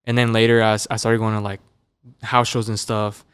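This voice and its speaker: A man's voice: lowish voice, a little fast, clean tone, dry recording. A young man from Las Vegas, a musician guest on a podcast, telling stories loosely with lots of fillers. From Las Vegas, USA. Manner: relaxed, loose, filler-heavy storytelling. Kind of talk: casual interview chat. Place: podcast studio. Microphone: dynamic studio mic.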